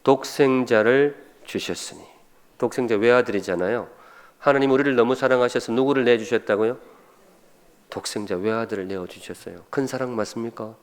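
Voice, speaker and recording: A man's voice: medium pitch, a little fast. A Gyeongsang-accented pastor in his fifties delivers a sermon to his congregation. He talks like a friendly storyteller, cracking jokes and putting questions to the people in front of him. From Gyeongsan, South Korea. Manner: humorous, asks the congregation questions.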